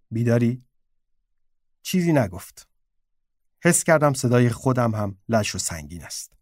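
A man reading a short story aloud in a subdued, low-key way. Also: no echo, studio quality. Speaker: narrator.

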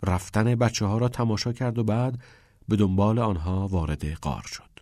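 A man narrating an audiobook with an expressive storytelling delivery. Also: on the low side, no room sound, studio quality.

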